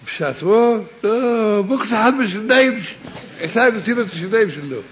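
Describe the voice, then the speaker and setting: A man with a high, animated voice preaches a Torah sermon and tells a parable, speaking directly to his listeners. His delivery swings between hushed and raised.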